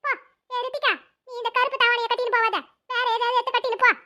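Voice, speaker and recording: A woman voicing a stern, bossy old village grandmother in a cartoon, with a shrill scolding manner. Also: little pitch movement, quick pace, bright, forceful tone. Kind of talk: cartoon voice acting.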